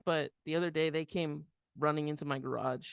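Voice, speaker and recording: A man with a gravelly, fry-laden voice chats casually on a podcast, recorded dry and close with no room sound. He reacts in a laid-back way, stretching out his words. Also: a little high, fairly even intonation, brisk, no echo. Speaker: podcast co-host.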